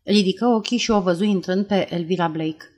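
A woman narrating an audiobook in an even, low-key reading voice. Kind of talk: scripted narration.

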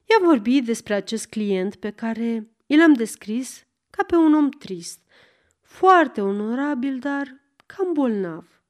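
A woman narrates a short story aloud, reading in measured, phrase-by-phrase steps with long pauses. Her voice sits somewhat high. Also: expressive.

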